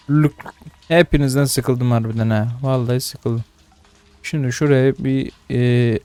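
A young man talking himself through a horror game, muttering nervously, then dropping to hushed whispers. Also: medium pitch, clean tone, no room sound. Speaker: gaming YouTuber.

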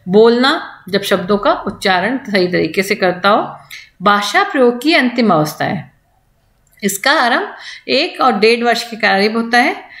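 A woman lecturer explaining a topic in a recorded lesson, going slowly, restarting words and imitating baby sounds as examples. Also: fairly high pitch, a bit bright, roomy sound. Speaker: college lecturer.

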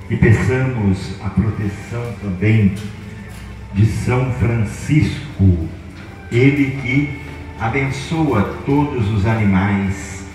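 A middle-aged priest speaks slowly, offering a blessing and prayer at an outdoor cattle auction inside an open-sided tent. His fairly low, warm male voice comes through a handheld microphone over an echoey PA system, sounding distant with faint music in the background.

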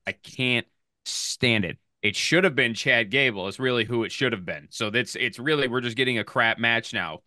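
A man's voice: medium pitch, normal speed, sharp tone, dry recording, studio quality. A man co-hosting a casual podcast chat, blunt and opinionated. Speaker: podcast co-host.

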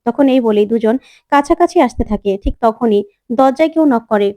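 A woman narrating a recap of a drama serial episode in a brisk, eager way. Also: fairly high pitch, mellow, no room sound. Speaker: channel narrator. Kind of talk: scripted story retelling.

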